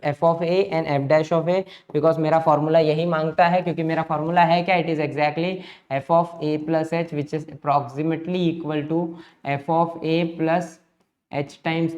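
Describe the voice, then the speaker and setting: A man, teaching maths in a brisk lecture and coaxing students through each step. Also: on the high side, darkish tone. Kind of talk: lecture mixing Hindi and English.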